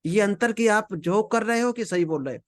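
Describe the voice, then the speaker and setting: A man's voice: high-pitched, lively intonation, moderate pace. A man giving a conversational motivational lecture from slides, calling listeners "friend" and mixing in English phrases. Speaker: motivational sales trainer.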